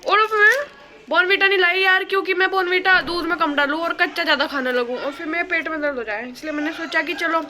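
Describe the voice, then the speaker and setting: Bright, high-voiced young woman from western Uttar Pradesh. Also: slight background noise. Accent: Western Uttar Pradesh Hindi. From western Uttar Pradesh, India. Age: young adult. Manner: blunt, rambling, laughs often, plain rustic speech. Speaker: vlogger. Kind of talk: casual chatty vlog. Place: college hostel room.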